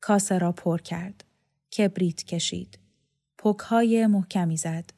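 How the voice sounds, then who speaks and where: A woman narrating a novel in a measured, even storytelling voice. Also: on the low side, gravelly. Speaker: audiobook reader. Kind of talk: scripted narration.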